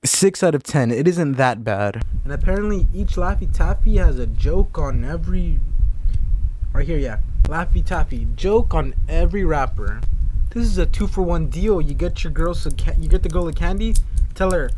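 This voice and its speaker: A man's voice: on the high side, normal speed, noisy background. Sarcastic young man reviewing candy. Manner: deadpan, sarcastic, jokey asides. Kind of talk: casual comedic review vlog.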